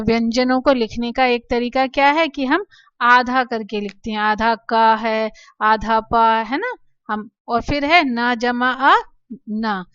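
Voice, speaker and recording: A woman teaching children Sanskrit letters, explaining slowly and patiently, asking questions and answering them herself. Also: fairly high pitch, a bit bright, clear, resonant tone, dry recording, highs cut off. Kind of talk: slow classroom explanation to children.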